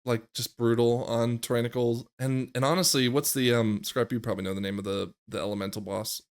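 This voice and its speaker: A man's voice: medium pitch, little pitch movement, brisk. A man hosting a casual gaming chat, rambling through his points and laughing often. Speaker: podcast host.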